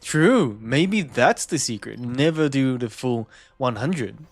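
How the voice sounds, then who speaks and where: A man's voice: medium pitch, lively intonation, slow pace. A young man with a New Zealand accent chatting casually with stream viewers, easygoing, chuckling often and repeating words. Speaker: game streamer.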